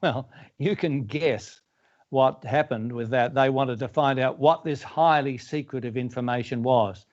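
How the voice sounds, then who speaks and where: A pastor from Melbourne with an Australian accent tells a story as part of a sermon, hesitating often and filling gaps with many "uh"s. His voice is mid-range, a little slow and a little mellow. The recording sounds muffled.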